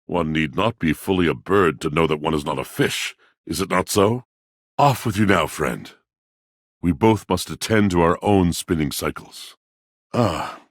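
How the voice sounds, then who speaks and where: A male actor voices a grandiloquent, melancholy washing machine in a video game, musing loftily in a deep, gravelly voice. His delivery is heavily acted and theatrical, florid and formal, with courtly old-fashioned diction and words he savors. The studio sound is clean, with no echo.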